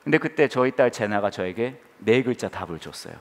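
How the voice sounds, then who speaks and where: A man in his forties preaching a sermon, telling a family story with animated, lively delivery. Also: fairly low pitch, a little fast. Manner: animated storytelling, loud acted outbursts. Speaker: pastor.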